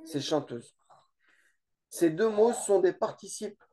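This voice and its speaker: Hesitant teacher explaining grammar slowly. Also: mid-range voice, lively intonation, mellow. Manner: explains slowly, repeats words, many hesitations. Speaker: Arabic teacher. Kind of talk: informal grammar lesson.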